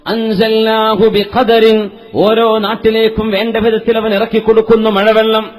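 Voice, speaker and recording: A man preaching a sermon, asking the audience many rhetorical questions and chanting Arabic verses in a slow, melodic recitation. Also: high voice, monotone. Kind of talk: Islamic sermon.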